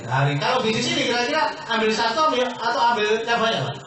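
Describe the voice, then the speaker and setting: A man's voice: very high voice, sing-song, quick pace, background noise. A man giving a persuasive sales seminar talk, questioning the audience and answering himself. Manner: keeps addressing listeners as "Pak". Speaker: business opportunity presenter. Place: meeting hall with an audience. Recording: very echoey hall, picked up from far off.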